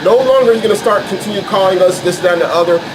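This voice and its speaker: With a noisy background behind him, an American man speaks very fast in a voice that sits high. He's a street preacher and Bible teacher giving informal scripture lessons, making his case emphatically, colloquially, and with lots of repetition.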